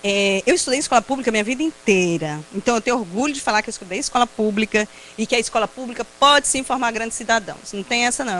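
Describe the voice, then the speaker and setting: Brazilian woman, Brazilian Portuguese accent, fairly high voice with a swooping, expressive pitch, testimony speaker who laughs easily and acts out the quotes. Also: slight background noise, poor audio. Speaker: invited speaker at a prayer group. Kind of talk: personal testimony talk.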